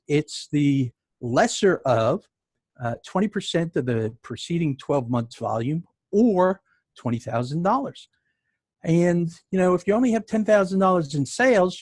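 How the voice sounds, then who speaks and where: A man's voice: on the high side, darkish tone, husky, dry recording. A man with a New York accent presenting a webinar as a sales tax consultant, talking in a conversational way with many fillers and wry jokes.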